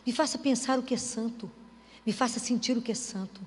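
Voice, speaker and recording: High-voiced woman preaching in a hall. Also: fairly quick, a little mellow, husky. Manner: conversational, asks the audience rhetorical questions. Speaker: lay preacher.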